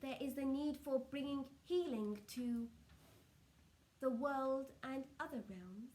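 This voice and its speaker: A woman speaking as a trance channelling seance medium, solemn and measured, delivering spiritual messages in short halting phrases. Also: high-pitched, a little mellow, a little hiss or hum.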